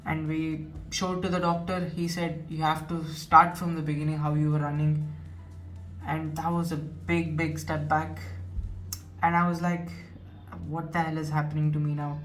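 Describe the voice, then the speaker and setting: A nineteen-year-old vlogger speaking Indian English earnestly retells an experience of his, repeating things as he goes. He talks at normal speed in a fairly high, fairly bright, level voice, with a distant mic and music in the background.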